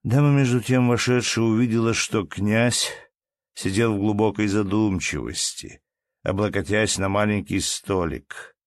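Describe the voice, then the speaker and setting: A man reads a classic story aloud in a measured, even manner. His voice sits fairly low. The recording is dry and close. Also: no echo. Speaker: audiobook narrator. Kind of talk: scripted literary narration.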